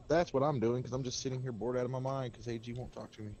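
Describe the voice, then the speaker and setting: A man's voice: medium pitch, a little mellow, slight background noise. A man chatting bluntly and rambling on a gaming stream, talking with a cigarette in his mouth. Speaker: game server co-host. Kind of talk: casual gaming stream chat. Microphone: desk microphone by keyboard.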